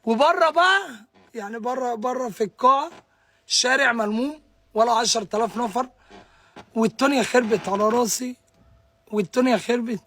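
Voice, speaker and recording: Young man, Egyptian accent, sharp bright voice, dry close sound, distraught, stammering, repetitive live stream rant. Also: very high-pitched, a little fast, pauses often, dry recording. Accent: Egyptian Arabic. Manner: distraught, repeats himself, stammers. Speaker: livestreamer.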